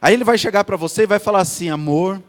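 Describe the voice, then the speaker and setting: A man's voice: high-pitched, rapid-fire, big-room sound. A man with a Brazilian Portuguese accent preaching to couples in a church, telling folksy stories and acting out what spouses say to each other. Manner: folksy storytelling, acts out dialogue between spouses.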